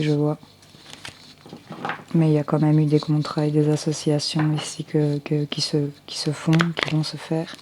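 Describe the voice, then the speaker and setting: Low, flat-voiced woman reading tarot. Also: slight background noise. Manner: unhurried, hesitant, frequent fillers and restarts. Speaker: tarot card reader. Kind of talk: general tarot reading for viewers. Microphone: headset with a close mic.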